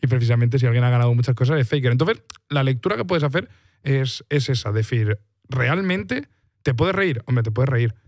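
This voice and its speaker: Fast-talking podcast man. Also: mid-range voice. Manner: rapid, animated, acts out quoted reactions. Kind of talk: casual esports podcast chat.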